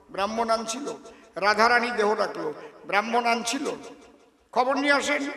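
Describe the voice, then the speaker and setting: A man's voice: high voice, creaky, bright, forceful tone, echoey room, big-room sound. A man with a giving a combative, defiant folk-song discourse on stage, breaking into sung lines and chanted calls. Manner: combative, defiant, challenges scholars. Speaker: kabigaan folk singer and preacher. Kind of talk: stage kabigaan discourse, preaching to a crowd.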